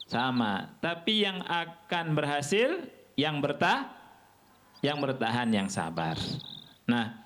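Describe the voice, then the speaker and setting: A man from Indonesia teaching a religious lesson to children, asking them questions and answering them himself in an animated way. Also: a little high, a little hiss or hum.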